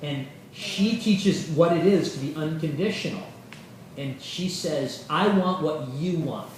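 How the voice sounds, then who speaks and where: A male yoga teacher giving an informal, animated lecture to a class, acting out quoted voices and swearing casually. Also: a little high, a little slow, a little hiss or hum. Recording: roomy echo from a far mic.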